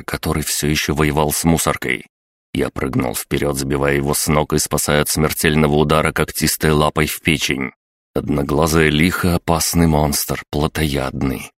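A man narrating a fantasy audiobook in the first person, calm and measured with a wry edge. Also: a bass voice, dry recording, clean studio sound.

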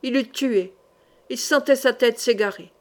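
A woman audiobook reader narrating a historical novel in a measured, dramatic storytelling manner. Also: a little high.

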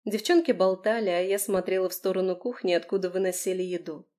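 A woman narrating a first-person novel in an expressive, lively way. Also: mid-range voice, quick pace. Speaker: audiobook narrator.

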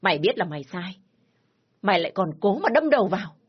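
A woman's voice: medium pitch, big pitch swings, fast, breathy edge, highs cut off. Woman voicing a furious domineering old father. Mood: furious shouting. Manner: shouting, scolding harshly. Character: furious stern older village father, domineering.

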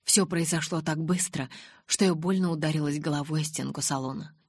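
Low husky woman narrating a novel. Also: brisk, no echo. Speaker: audiobook narrator. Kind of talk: first-person novel narration.

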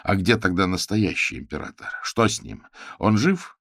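A man's voice: deep voice, expressive, moderate pace, gravelly, no room sound, clean studio sound, heavily acted. A man voicing a stern, suspicious count interrogating a companion in an audiobook. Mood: accusing. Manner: probing questions, grows heated. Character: stern male count investigator, probing, suspicious. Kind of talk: audiobook character voice.

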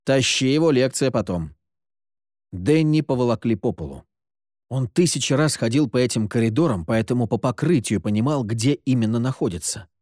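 A man narrating an audiobook in a steady, even storytelling manner. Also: medium pitch, fairly quick, no echo, clean studio sound. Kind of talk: scripted narration.

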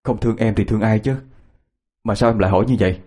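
A man voicing a devoted young man, speaking softly and tenderly. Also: fairly low pitch, fairly even intonation, quick pace, lightly acted. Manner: soft, tender pleading.

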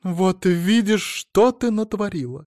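A fretful, jittery middle-aged woman, as a male narrator puts her on, her voice climbing high and loud whenever she gets worked up. She sounds shrill and anxious, like a gossip in an audiobook, recorded dry and close. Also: normal speed, no room sound, close to an everyday voice. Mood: agitated. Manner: shrill, agitated.

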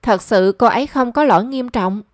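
A brisk, matter-of-fact young female friend speaks plainly, voiced by a woman narrator. The voice is somewhat high, close and dry. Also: dry recording, natural voice. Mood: pleading.

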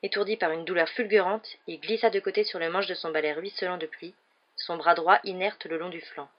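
A woman reads an audiobook chapter aloud in a steady, expressive storytelling manner. Her voice sits somewhat low, and the recording sounds dull and lo-fi. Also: a little fast. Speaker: audiobook narrator. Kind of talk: scripted audiobook narration.

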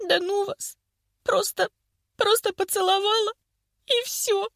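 A woman's voice: sits high, lively intonation, moderate pace, fairly bright tone, dry recording, clean studio sound, pitched above the performer's own voice. A woman voicing an earnest young woman who pleads and breaks into tears easily. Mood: upset, crying out.

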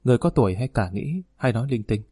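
A man voicing a gentle young woman who soothes her boyfriend, in an audiobook reading. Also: mid-range voice, brisk, faint music behind, close to an everyday voice. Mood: soothing. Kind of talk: audiobook narration.

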